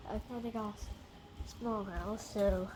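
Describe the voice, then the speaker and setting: An amateur video creator films a casual handheld vlog inside a house, rambling informally and improvising a skit. The voice sounds like a woman's or a youngster's, medium in pitch, steady in tone, at a measured pace. It's a noisy amateur home recording.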